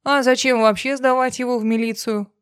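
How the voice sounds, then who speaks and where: A woman's voice: mid-range voice, a little fast, no room sound, studio quality, lightly acted. A woman voicing a blunt, harsh man who speaks curtly and coldly. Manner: curt, coldly mocking.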